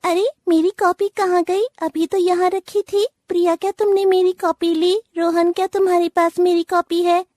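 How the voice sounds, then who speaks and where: Flustered schoolgirl, very high bright voice, dry close sound, woman voicing. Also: little pitch movement, moderate pace, hardly any pauses, no room sound. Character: schoolgirl looking for her notebook. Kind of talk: scripted textbook dialogue.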